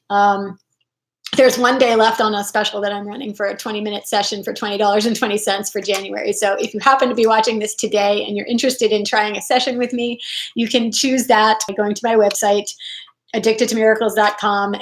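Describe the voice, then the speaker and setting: A chatty woman coach talks casually to her viewers in a live video, her voice sitting fairly high. She is animated and often acts out inner voices in a higher tone. The room around her is echoey. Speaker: self-help coach.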